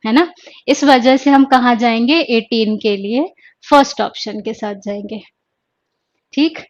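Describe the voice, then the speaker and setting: High-voiced woman teaching a live lesson. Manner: explains step by step, asks questions and answers them herself; mixes English terms into her talk. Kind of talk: live online exam-prep lesson.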